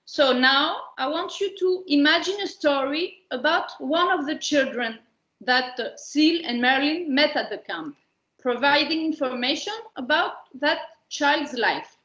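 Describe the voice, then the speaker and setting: Slow high-voiced Greek-accented woman presenter. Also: expressive, bright, forceful tone. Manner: slow, questioning, speaks as a child role in first person. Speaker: workshop presenter. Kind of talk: guiding a webinar activity. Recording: roomy lo-fi online call audio.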